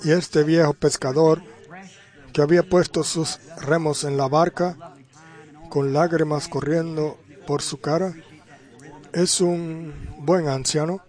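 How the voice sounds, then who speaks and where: A man's voice: fairly high pitch, steady tone, slow pace, a little mellow. A man preaching a sermon, telling a story and asking his congregation rhetorical questions.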